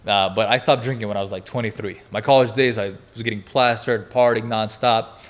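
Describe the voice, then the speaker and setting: A man's voice: lowish voice, brisk. Young man telling a wild story. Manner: energetic, profane, laughing through the story. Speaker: podcast guest. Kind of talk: animated storytelling in casual chat.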